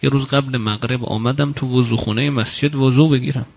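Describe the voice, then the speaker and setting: A man preaching a sermon, quoting Arabic sayings slowly and then explaining them, with emphatic rebukes that climb loud and high. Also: steady tone, gravelly.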